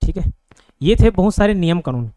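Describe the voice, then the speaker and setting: A man's voice: high voice, animated, warm tone, dry recording. A man with an Indian accent teaching an online grammar lesson. He explains step by step and keeps asking his students whether they follow. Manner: explains slowly, with many checking questions.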